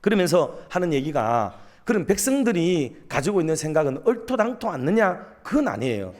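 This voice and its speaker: An animated male pastor preaches a sermon, turning to the congregation with direct questions and emphatic points. His voice sits high and moves through a lively, wide range of pitch. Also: a little fast.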